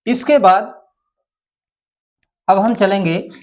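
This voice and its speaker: A man's voice: high-pitched, takes it slowly. A male teacher giving an exam-prep grammar lesson, repeating key terms and asking rhetorical questions.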